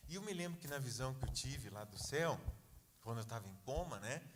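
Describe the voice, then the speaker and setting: A man's voice: mid-range voice, lively intonation, quick pace, long reverb tail, a little hiss or hum. A man preaching a sermon, telling a story in a conversational way with many asides. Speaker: pastor. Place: church.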